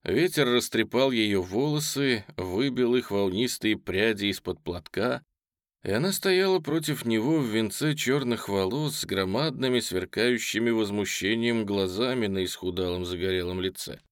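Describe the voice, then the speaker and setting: A man narrating a novel as an audiobook, expressive storytelling. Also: lowish voice, moderate pace, dry recording, studio quality.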